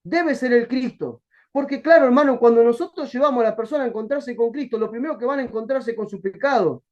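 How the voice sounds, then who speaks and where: A man with a Rioplatense accent, a pastor giving a colloquial, lively Bible study sermon and acting out bits of dialogue. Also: extremely high pitch, quick pace. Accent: Rioplatense Spanish. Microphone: video call. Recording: dull lo-fi video call audio.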